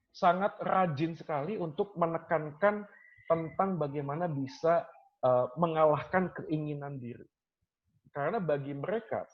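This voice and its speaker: A male lecturer in a casual talk, telling stories from his classes and acting out his students' questions in a lively way. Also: fairly high pitch, lo-fi sound. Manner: animated storyteller, acts out students' questions, mixes in English phrases.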